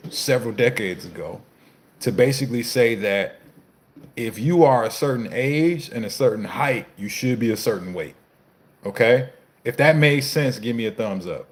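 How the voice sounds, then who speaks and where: Hosting a relaxed live Q&A, a fitness coach in his thirties with a mid-range voice reads viewer comments aloud and answers them with slang and profanity, loose and casual.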